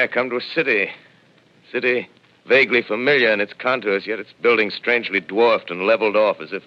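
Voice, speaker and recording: Deep-voiced, grave survivor professor; 1930s AM radio play, muffled broadcast. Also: male voice. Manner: grave, measured, reflective. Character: lone male professor surviving an alien invasion, shaken and weary. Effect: old AM radio broadcast sound. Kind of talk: 1930s radio drama narration.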